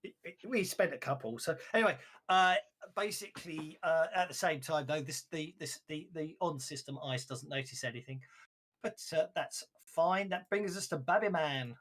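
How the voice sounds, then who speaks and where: A man's voice: on the high side, moderate pace, a bit bright. Chatty man as game master. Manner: chatty, frequent restarts and laughs. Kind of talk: running a tabletop game.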